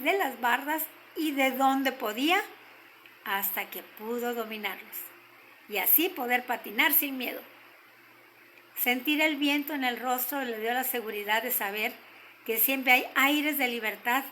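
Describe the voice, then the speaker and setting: An older woman with a Mexican accent telling a story gently, slowing down to stress key moments. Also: high-pitched, a little hiss or hum, low-quality recording. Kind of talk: told story.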